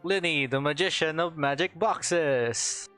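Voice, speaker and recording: An excitable game streamer chats over a cutscene, laughing often between remarks. The commentary is loose and reactive. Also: mid-range voice, a little slow, smooth, soft background music.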